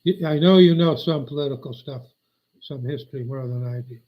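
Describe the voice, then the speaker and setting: An older man with a mid-range voice rambles briskly on a live stream, sounding aggrieved and meandering and often losing his train of thought. The audio is dull and lo-fi.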